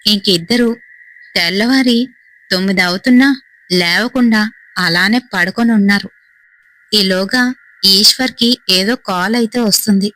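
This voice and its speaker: A woman's voice: medium pitch, a little slow, pauses often, no room sound, low-quality recording. Woman telling a ghost story. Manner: suspenseful, steady storytelling. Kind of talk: horror story narration.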